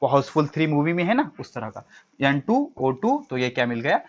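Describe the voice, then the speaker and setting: A male teacher gives a chemistry lecture in class, quizzing his students and answering his own questions while mixing English terms into his speech. His voice is on the high side and sing-song at a normal speed, captured on a dull lo-fi recording.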